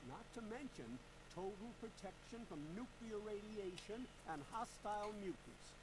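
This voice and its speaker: Eager high-pitched salesman. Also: lively intonation, moderate pace, noisy background. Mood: eager, ingratiating. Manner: ingratiating sales patter. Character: eager, polite door-to-door vault salesman.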